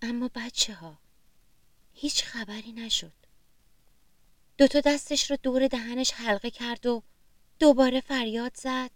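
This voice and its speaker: Woman gently reading a children's story. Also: on the high side, steady tone, long pauses, no echo.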